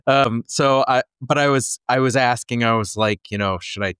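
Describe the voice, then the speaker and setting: A man in his forties co-hosting a podcast in casual chat, with dry, teasing humor and a relaxed way of telling stories. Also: medium pitch, moderate pace, smooth, dry recording. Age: 40s. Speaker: podcast co-host.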